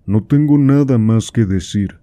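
A man's voice: lowish voice, a little slow, warm tone, no room sound, clean studio sound, natural voice. A man reading aloud, voicing an anxious, pleading cardinal with an earnest, slightly raised delivery.

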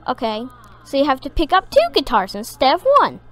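A woman's voice: high voice, very animated, fairly quick. A woman giving casual, rambling gameplay commentary, hesitating with many ums. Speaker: gaming video creator.

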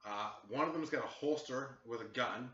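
Exasperated male vlogger, cursing rant, bright sharp voice, roomy and muffled. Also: medium pitch, moderate pace. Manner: heavy swearing, exasperated. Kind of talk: angry storytelling rant. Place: small apartment. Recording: echoey, distant, dull-sounding room mic.

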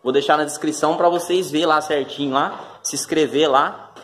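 A man with a Brazilian Portuguese accent hosting a casual vlog from a home garage, chatting in a relaxed, slangy way and often turning to his viewers. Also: fairly high pitch, normal speed. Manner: laid-back, slangy, keeps addressing the viewers. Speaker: channel host. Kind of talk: casual chat.

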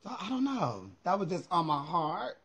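Husky, high-pitched American man, sassy. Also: sing-song, normal speed, fairly bright tone. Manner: sassy, emphatic, profanity-laced. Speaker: vlogger. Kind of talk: casual livestream chat. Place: small room at home. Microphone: phone at arm's length.

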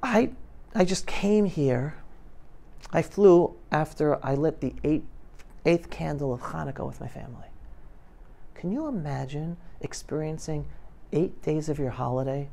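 Speaking to a room of high schoolers, this middle-aged New Yorker delivers a fired-up pep talk, animated and emphatic, dropping to a hush one moment and booming the next. His voice runs a little high with a gravelly edge. A lapel mic captures him in the indoor classroom.

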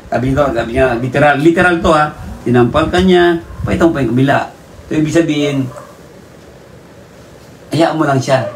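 A man with a Filipino accent teaching from the Bible. He reads verses slowly, then explains them with repeated tag questions. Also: medium pitch. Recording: echoey room, distant mic, faint noise.

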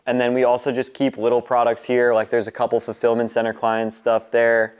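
A man's voice: mid-range voice, monotone, brisk, smooth. A man in his twenties with an American accent, hosting a casual, informal tour vlog indoors. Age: 20s. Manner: informal, mildly profane. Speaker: host giving a warehouse tour. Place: large concrete warehouse and upstairs office, indoors.

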